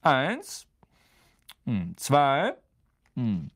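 A man's voice: medium pitch, huge pitch swings, extremely slow, a bit bright, full character voice. A man voicing a kindly male wizard teacher in an audiobook, with a raised, upbeat, coaxing delivery. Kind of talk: audiobook character voice.

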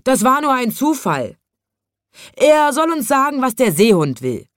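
Woman doing loud jeering big guys, shouty and high, dry close sound. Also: sing-song, a little slow, no room sound. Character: big boastful mocking men, loud crowd of rivals. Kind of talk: storybook reading.

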